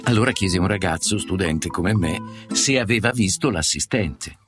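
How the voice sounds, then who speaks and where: A man's voice: low voice, animated, moderate pace. A man narrating a short story with a wry, ironic manner. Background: guitar music.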